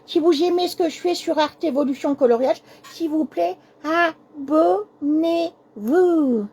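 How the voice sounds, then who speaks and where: A woman hosting a casual live craft stream, hoarse with a cracking voice, speaking softly and apologizing often while repeating herself. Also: high-pitched, slow pace.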